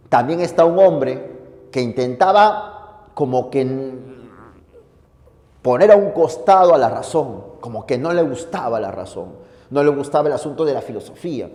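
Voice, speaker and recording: A man's voice: medium pitch, mellow. A man giving a colloquial, theatrical philosophy lecture. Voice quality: colloquial, theatrical, acts out figures. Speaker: philosophy teacher. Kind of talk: recorded lecture. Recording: echoey hall reverb.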